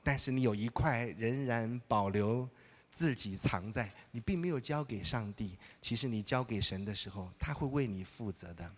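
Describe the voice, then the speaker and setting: A middle-aged male pastor preaching a sermon, telling personal stories in a lively way, acting out dialogue and often laughing. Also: medium pitch, moderate pace.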